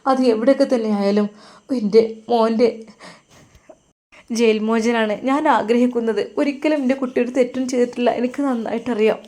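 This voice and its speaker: A tearful, pleading old father, voiced by a woman storyteller. He talks softly with a Malappuram Malayalam lilt, his voice low and worn from grief. This is a spoken storybook figure. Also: fairly even intonation, a little fast, natural voice. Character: grieving elderly father pleading for his son.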